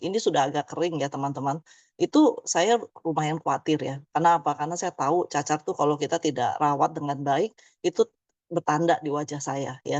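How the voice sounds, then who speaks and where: A woman's voice: sits low, darkish tone, no echo. A woman in her fifties giving a chatty motivational presentation, tagging many phrases with "ya". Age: 50s. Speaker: business presenter.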